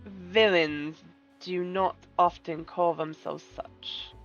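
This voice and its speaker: A woman's voice: fairly low pitch, fairly even intonation, slow pace. A woman voicing the silky, polite, pompous female leader of a villainous order in a video game, speaking with theatrical formality. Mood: haughty, menacing. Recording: dull sound with music behind.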